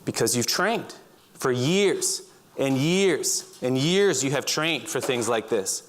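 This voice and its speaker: A middle-aged man telling vivid second-person stories on a stage, breaking into loud shouts. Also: medium pitch, expressive, takes it slowly, slight background noise. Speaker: speaker. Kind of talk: storytelling talk. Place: auditorium stage.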